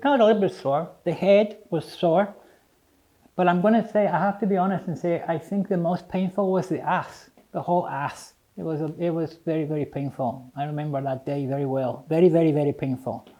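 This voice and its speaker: A middle-aged man with a Scottish accent and slightly slurred, toothless articulation, speaking reflectively and haltingly in an interview, often repeating phrases. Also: fairly high pitch, steady tone, mellow, low-quality recording. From Edinburgh, Scotland. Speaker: interviewee, English teacher.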